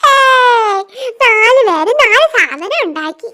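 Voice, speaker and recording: A woman voicing children in a doll show, with a childlike, excitable delivery that turns to shrieks. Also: extremely high pitch, takes it slowly.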